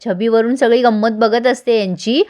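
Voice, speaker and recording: A woman casually recapping a TV serial episode in a storytelling manner. She slips into the characters' lines as she goes, in a fairly high voice. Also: fairly even intonation, normal speed, darkish tone. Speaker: TV serial reviewer.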